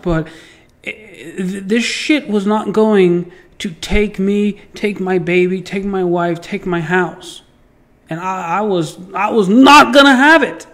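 A man telling a personal story in a casual monologue, acting out voices and sound effects and swearing freely. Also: sits high. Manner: swears freely, repeats words when excited. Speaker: podcast host.

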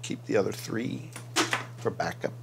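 A man's voice: on the low side, unhurried, vocal fry, noisy background. A middle-aged man vlogging at his home workbench, joking and laughing at himself as he tests a repaired console. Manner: jokey and self-deprecating, hums tunes and laughs at himself. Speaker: craft and repair YouTuber. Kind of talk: casual vlog narration. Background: retro video game music.

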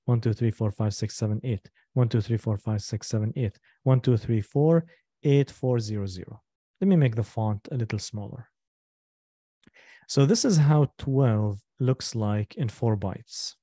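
A man teaches a class step by step in a very dark, mellow voice. He is patient, often goes back over a point, and stops to ask whether everyone is following. The sound is close and dry. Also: medium pitch, slightly rough, no echo. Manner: patient, repeats and slows down to explain step by step; asks the class for checks and questions. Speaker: instructor. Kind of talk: live online lecture.

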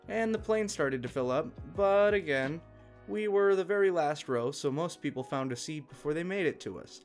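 Male story narrator, fairly high voice, steady reading, faint background music. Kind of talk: scripted narration of an online post.

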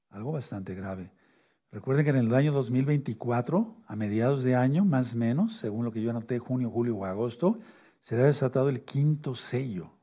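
Husky-voiced man preaching, checking in often. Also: medium pitch, mellow. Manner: asks "¿sí?" and "¿de acuerdo?" often, repeats key words slowly. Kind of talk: sermon teaching with a whiteboard.

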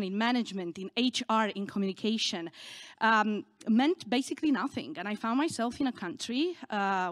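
Standing at a podium microphone on a conference stage, a middle-aged native Romanian speaker shares an earnest, candid story from her own life, somewhat haltingly. Her voice is on the high side, heard in studio-quality sound without echo.

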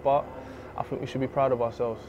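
A young footballer speaks into a handheld mic in the stands of an empty outdoor stadium. He talks in a relaxed, candid way at a medium pitch. The audio is a little dull and carries a faint hiss of outdoor noise. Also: fairly quick. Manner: relaxed, candid, laughs easily. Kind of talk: post-match interview. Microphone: handheld reporter mic.

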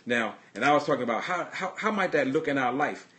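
Earnest, halting man preaching. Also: medium pitch, expressive, fairly bright tone. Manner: halting, restarts and repeats words; earnest storytelling. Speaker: pastor. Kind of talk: livestreamed sermon with personal stories.

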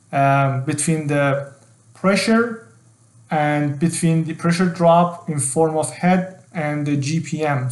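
A middle-aged man teaching an engineering software tutorial, explaining step by step with fillers and restarts. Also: a little high, roomy sound. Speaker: HVAC design instructor. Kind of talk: screen-share software tutorial.

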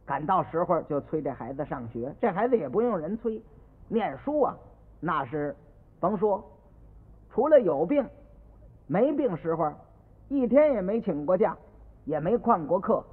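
A man narrating a comic monologue in a lively way, shifting into different voices for each character. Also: sits high, measured pace, pauses often. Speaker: comic storyteller. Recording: tinny old radio recording with long reverb.

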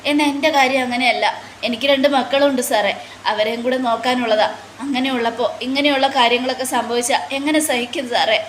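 A woman's voice: sits high, steady tone, fast, slight background noise, lightly acted. A woman voicing a frightened male shop worker and father of two who stammers and pleads anxiously. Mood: fearful pleading.

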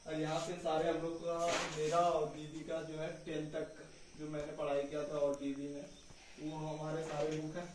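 Speaking at a moderate pace with a completely flat delivery and a higher-pitched voice, a young adult man shows his sister around a small concrete house, from its bare rooms up to the rooftop, while she films. Her camera mic sits a few steps away, picking up echo and background noise.

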